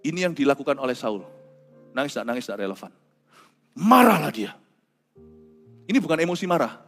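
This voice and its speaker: A man's voice: medium pitch, sing-song, fairly quick, gravelly. Dramatic preacher man in reverberant hall. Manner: dramatic, swinging between hushed and shouted; mixes English phrases into his preaching. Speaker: pastor. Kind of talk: preaching sermon. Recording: reverberant hall with soft music behind.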